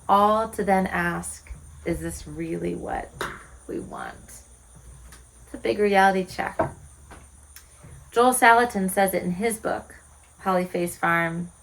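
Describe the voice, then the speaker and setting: A woman around forty speaks straight to her viewers in a candid, reflective way. Her voice sits at an ordinary middle pitch. She keeps asking pointed rhetorical questions in an earnest, frank manner. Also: creaky, a little hiss or hum, low-quality recording. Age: 40s. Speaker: homesteading vlogger. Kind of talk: reflective direct-to-camera talk.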